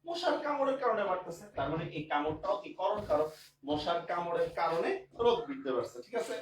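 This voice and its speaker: High-pitched male teacher in echoey room. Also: animated, fast talker. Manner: repeats examples and keeps asking if students understand. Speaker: grammar teacher. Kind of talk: online class lecture. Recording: echoey room, distant mic, faint noise.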